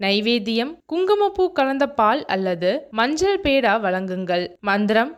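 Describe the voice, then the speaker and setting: A woman reading a scripted devotional voice-over in a measured, announcing way. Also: on the high side, very animated, smooth. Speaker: narrator of a devotional video.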